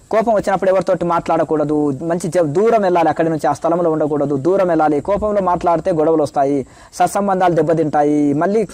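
A middle-aged man with a fairly high voice answers spiritual questions as a teacher. He preaches in steady rhythmic lists, and the sound is dry and close with no room in it. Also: no echo.

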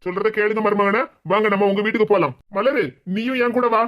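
A man voicing a gruff middle-aged father with a Kanyakumari Tamil accent in a cartoon comedy. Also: high voice, steady tone, a little fast, lo-fi sound, lightly acted. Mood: firm. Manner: gruff, firm. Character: blustering middle-aged father, hospitable to guests.

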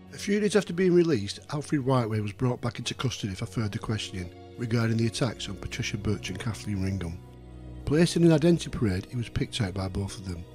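A man narrates a true crime story in a sober, measured voice at a middling pitch. His delivery is steady and scripted. Faint music plays softly behind him.

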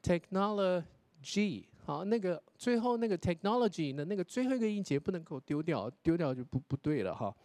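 A man, a pronunciation lecturer judging a contest, explaining feedback to contestants and often tagging his sentences with a soft "ha". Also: high voice, sing-song, fast, hardly any pauses, dry recording. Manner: explanatory, demonstrates English pronunciation, tags sentences with 哈. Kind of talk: spoken critique to contestants.

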